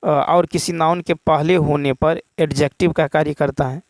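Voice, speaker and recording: A man teaching exam questions in a steady explaining manner, often stopping to check with a quick "okay". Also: fairly high pitch, no room sound.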